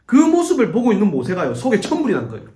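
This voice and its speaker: Animated high-voiced male preacher, echoey church. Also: rapid-fire. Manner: animated storytelling, acts out quoted voices. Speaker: youth pastor. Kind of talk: sermon to teenagers. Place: church sanctuary.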